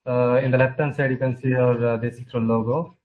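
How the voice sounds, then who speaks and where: A man pitching his team's project in a product demo, talking over a video call while sharing his screen, halting and full of filler sounds. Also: little pitch movement. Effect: video call audio while sharing his screen. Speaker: hackathon team presenter. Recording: muffled video call audio.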